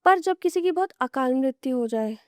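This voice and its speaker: This young woman guesting on a podcast tells horror stories in an expressive, high voice at a moderate pace. Her manner is casual, drawing the listener into hypotheticals, and the clean studio sound has no echo.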